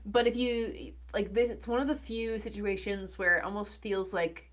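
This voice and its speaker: A woman's voice: medium pitch, normal speed. Thoughtful woman co-hosting a film chat. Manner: thoughtful, analytical, animated when excited. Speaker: podcast co-host. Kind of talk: casual movie discussion.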